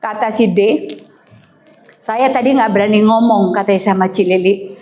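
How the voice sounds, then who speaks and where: A woman pastor preaching with a personal testimony, storytelling in a lively way and acting out the voices of the people in her story. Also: normal speed. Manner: animated storytelling, acts out voices, expressive pitch swings.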